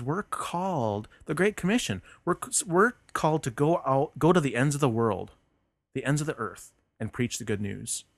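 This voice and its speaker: This podcast host, a man of medium pitch, talks about faith in a sincere, reflective way, often restarting sentences and using fillers. There is no echo in the recording.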